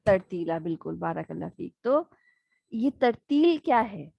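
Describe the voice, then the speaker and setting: A woman's voice: on the low side, big pitch swings, creaky, no room sound, dull audio. A woman giving an interactive online religious lesson. She talks conversationally, keeps checking in with her listeners, and acts out little everyday scenes. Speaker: Islamic studies teacher.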